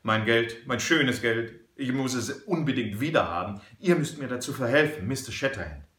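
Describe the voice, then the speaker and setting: A man voicing an excitable, cheated middle-aged banker who pleads and hesitates with little ums. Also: mid-range voice, normal speed, echoey room, natural voice. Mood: outraged.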